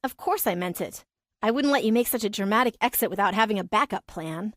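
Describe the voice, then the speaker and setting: A woman's voice: mid-range voice, lively intonation, fast talker, a bit bright, no room sound, studio quality, close to an everyday voice. A woman reading the part of an earnest, hopeful billionaire father in an audiobook. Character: eager single-father billionaire man.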